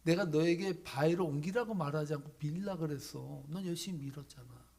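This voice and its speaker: A man voicing God in a sermon story, speaking low, hushed and with teasing patience. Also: a little fast, vocal fry. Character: God, gentle fatherly voice from above.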